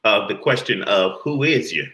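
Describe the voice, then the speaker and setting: A man's voice: lowish voice, moderate pace, bright, forceful tone, reverberant, poor audio. A man hosting a casual online chat show, joking and building up his guests. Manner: playful, hyped-up introductions. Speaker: show host.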